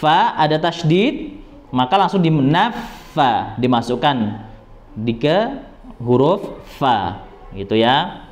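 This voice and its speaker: A man teaching Quran recitation rules, patiently repeating sounds, reassuring his students, and slowly chanting the verses. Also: fairly high pitch, very animated. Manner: slow drawn-out chanting when reciting verses. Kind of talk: tajwid lesson with recited verses.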